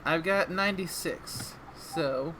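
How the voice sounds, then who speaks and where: Higher-voiced man, eager player. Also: slow pace, pushed and bright, a little hiss or hum, poor audio. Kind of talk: tabletop game chat.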